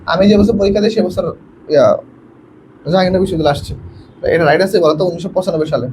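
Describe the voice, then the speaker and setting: A young man from Bangladesh teaching an online admission coaching class, quizzing students and urging them to answer quickly, often repeating himself and mixing in English words. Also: high-pitched, noisy background. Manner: repetitive, mixes in English words.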